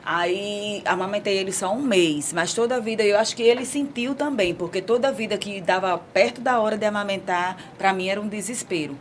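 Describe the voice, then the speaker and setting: A woman's voice: mid-range voice, a little fast, hardly any pauses, a little hiss or hum. A woman in her forties with a Northeastern Brazilian accent, candidly telling a personal story on a talk show. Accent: Northeastern Brazilian Portuguese. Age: 40s. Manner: candid, storytelling, animated retelling. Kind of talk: casual talk-show chat.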